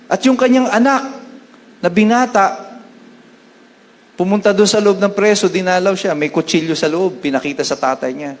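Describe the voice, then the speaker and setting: A man with a Filipino accent preaching a sermon as a pastor, moving between Tagalog and English and slowing down to quote scripture. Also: sits high, long reverb tail.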